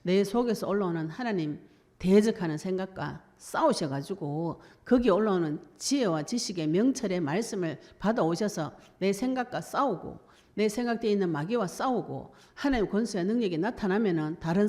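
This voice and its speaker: A woman's voice: medium pitch, animated, normal speed, mellow. A woman preacher, giving a colloquial sermon and acting out the voices she quotes.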